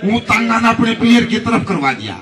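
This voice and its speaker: A man's voice: very high-pitched, very animated, fairly quick, recorded from a distance, a crowd in the background. A man performing folk stage comedy, chanting rhymed couplets in rhythm between jokes. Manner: declaims rhyming couplets in a chanted rhythm, then tells jokes.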